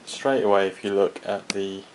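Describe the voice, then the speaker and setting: A man giving an unscripted hands-on product review in a hesitant, halting, rambling manner. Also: on the low side, fairly even intonation. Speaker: gas mask collector and reviewer. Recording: clearly audible background noise.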